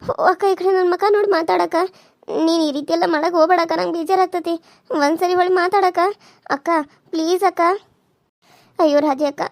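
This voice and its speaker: A woman's voice: very high-pitched, a little mellow, no room sound, studio quality. A woman with a North Karnataka accent voicing Nitya, an earnest young village woman in a cartoon serial, in a coaxing, apologetic way of talking.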